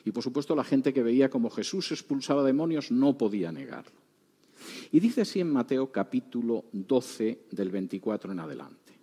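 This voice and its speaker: A man in his sixties from Spain with a Spanish accent teaches the Bible and retells its scenes in lively everyday speech. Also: mid-range voice, normal speed, husky. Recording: reverberant hall.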